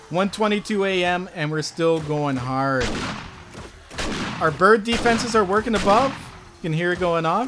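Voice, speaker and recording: A man hosting a gaming video, giving excited gameplay commentary full of exclamations and talking straight to his viewers. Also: high voice. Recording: loud gunfire and game noise behind.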